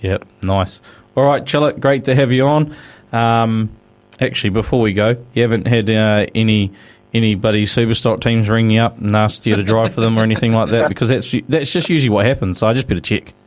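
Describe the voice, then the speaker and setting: A man's voice: on the low side, fairly quick. A man with a broad Kiwi accent hosting a casual motorsport chat in a blokey, slangy, mildly sweary way. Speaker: motorsport show host.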